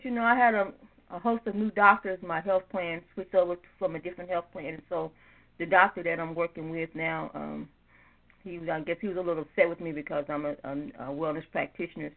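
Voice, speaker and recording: Chatty woman on a tinny speakerphone. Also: lowish voice. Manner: chatty, rambling and upbeat, laughs often. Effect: speakerphone on a phone line. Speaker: caller to a prayer line. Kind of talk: casual phone call. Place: home office. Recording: tinny phone line with mains hum.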